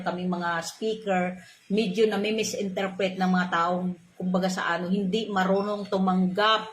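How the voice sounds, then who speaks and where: A woman motivational speaker giving a preachy, emphatic talk full of rhetorical questions and English phrases, from the Philippines. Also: mid-range voice. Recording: echoey room with faint ambient noise.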